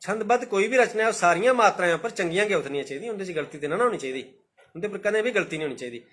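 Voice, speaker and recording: A man's voice: high voice, animated, fairly bright tone. Dogri man explaining and reciting verse. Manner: explaining, repeating points, recites verses slowly. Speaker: teacher. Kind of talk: live-streamed talk on poetry.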